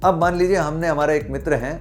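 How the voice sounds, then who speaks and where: A man's voice: fairly high pitch, quick pace, faint music behind. A man who is an accountant, appearing as a guest, explaining legal points through worked examples. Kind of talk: explainer interview.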